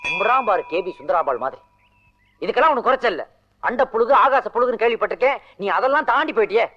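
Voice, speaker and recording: An actor playing an exasperated friend who scolds in rapid, sarcastic bursts. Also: male voice, sits high, animated, muffled recording. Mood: scolding. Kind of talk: film drama dialogue.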